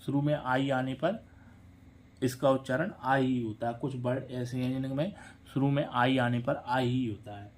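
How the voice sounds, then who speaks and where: Man, English pronunciation teacher, slow speech, spells words letter by letter, patient repetition. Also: medium pitch, steady tone. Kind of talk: spelling lesson, letters read out slowly.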